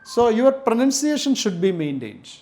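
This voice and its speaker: A man's voice: very high-pitched, very animated, moderate pace, a little mellow. Indian-accented man teaching a class. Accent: Indian English. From Kerala, India. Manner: repetitive, emphatic lecturing with lists. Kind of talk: exam coaching lecture.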